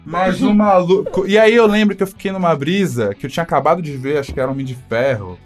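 A man's voice: fairly high pitch, quick pace, faint music behind. A Brazilian man telling a story in a casual chat among friends, acting out the voices and laughing often. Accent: Brazilian Portuguese. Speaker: podcast guest telling a story.

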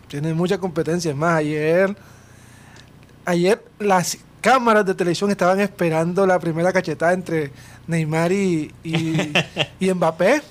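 A man's voice: high-pitched, steady tone, unhurried. A man co-hosting a podcast, telling football stories in a chatty way. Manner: chatty, stretches out his stories with restarts. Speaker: podcast co-host. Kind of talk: casual football chat.

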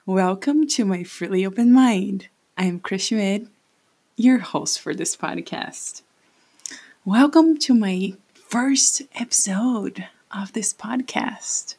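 On her own podcast, a late-twenties woman from Brazil stands at a home mic and wanders through a casual monologue, a bit self-conscious. She speaks slowly in a medium-pitched, slightly mellow, slightly rough voice with a Brazilian Portuguese accent.

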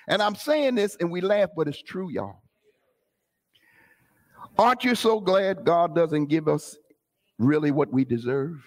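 A woman preacher delivers a sermon in a slow, deliberate cadence, her voice gravelly at the edges. She swings widely up and down in pitch, calling out to the congregation and breaking into shouts. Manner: calls out to the congregation, bursts into shouts.

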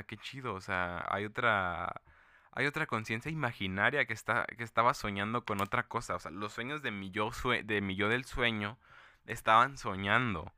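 Young Mexican man, casual podcast host, rambling and chatty; clear bright tone, dry close sound. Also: medium pitch, no room sound. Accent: Mexican Spanish. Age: young adult. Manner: rambling, full of fillers and restarts. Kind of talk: casual monologue.

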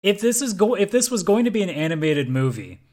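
A man's voice: sits high, big pitch swings, fast talker, darkish tone. A man co-hosting a podcast in casual chat, talking in a blunt, opinionated and emphatic way. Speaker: podcast co-host.

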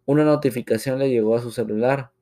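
A man's voice: mid-range voice, fairly even intonation, quick pace, mellow. Male storyteller reading a drama.

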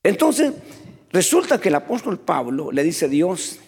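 Male pastor mid-sermon, lively and expressive, slightly high voice, reverberant hall. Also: measured pace, breathy edge. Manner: animated preaching, often calling the congregation "hermano".

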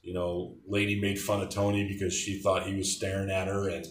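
Low-voiced middle-aged man telling old stories. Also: completely flat delivery, fairly quick, recorded from a distance, slight background noise. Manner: rambling, warm storyteller with many restarts. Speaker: interviewee, former athletic trainer. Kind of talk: casual reminiscing. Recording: roomy echo.

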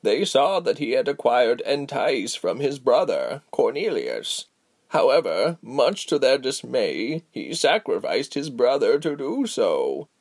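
Male narrator as an old female healer, slow, calm, firm. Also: mid-range voice, heavily acted. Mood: stern. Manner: slow, calm, measured, stern. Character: old, tired, wise female healer with a walking stick. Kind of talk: audiobook character voice.

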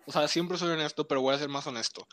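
A man's voice: a little high, fairly even intonation, fast talker, fairly bright tone. A young man with a Mexican accent, a podcast co-host in stubborn, teasing casual sports banter.

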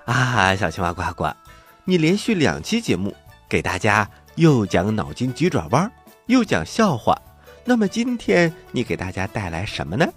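Animated low-voiced male children's storyteller. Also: moderate pace, soft background music. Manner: theatrical, encouraging avuncular address to children. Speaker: storytelling host. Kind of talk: children's storytelling, scripted narration and dialogue.

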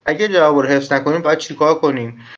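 A man's voice: fairly high pitch, muffled recording. A man giving a casual lesson as a tutor, talking in a chatty, direct way and repeating his points for emphasis. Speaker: IELTS speaking tutor.

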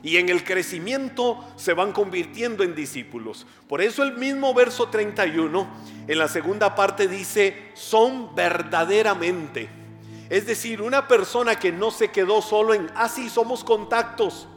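A man's voice: sits high, animated, moderate pace, long reverb tail, faint music behind. A Costa Rican man preaching a sermon as pastor, emphatic and rising on his questions. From Costa Rica.

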